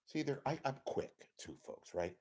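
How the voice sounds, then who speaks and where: A man's voice: medium pitch, big pitch swings, normal speed, darkish tone, breathy edge. A man hosting a live stream, casual banter that is crude, self-mocking and joking.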